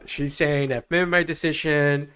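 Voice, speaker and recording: A man's voice: a little high, fairly even intonation, measured pace, pushed and bright. Easygoing man co-hosting a podcast. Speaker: podcast co-host. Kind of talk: casual true-crime podcast chat.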